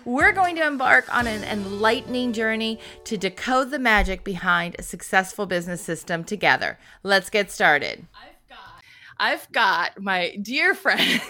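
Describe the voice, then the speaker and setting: A woman's voice: medium pitch, pushed and bright. A woman from Ohio hosting a podcast interview, upbeat and conversational, laughing often with her guest. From Ohio, USA. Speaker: podcast host.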